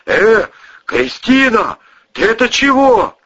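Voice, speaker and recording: Hot-headed brawny cousin, yelling and cursing, voiced by a male narrator, husky, lo-fi audiobook. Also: extremely high pitch, very animated, slow, voice pushed up, exaggerated voice. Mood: outraged alarm. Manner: bellowing and cursing. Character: burly hot-tempered male cousin, brash and panicky. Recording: muffled lo-fi recording.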